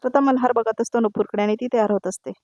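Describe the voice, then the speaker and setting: A woman's voice: a little high, steady tone, racing, darkish tone, dry recording. A woman narrating a voice-over recap of a TV serial episode. She is chatty and speaks straight to the viewers. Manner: chatty, addresses viewers directly.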